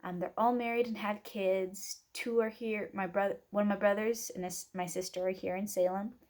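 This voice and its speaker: A woman's voice: mid-range voice, steady tone, normal speed, a little mellow. A woman in her twenties from Oregon, introducing herself as a student in a casual, rambling way with many fillers. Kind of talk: casual self-introduction video.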